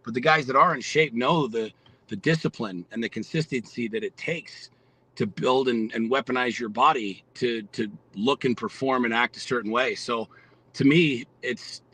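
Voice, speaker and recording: A man's voice: mid-range voice, moderate pace, sharp tone, husky, poor audio. A man in his forties, a podcast guest, talking bluntly and with lots of profanity in a fired-up, motivational way. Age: 40s. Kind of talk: casual podcast conversation.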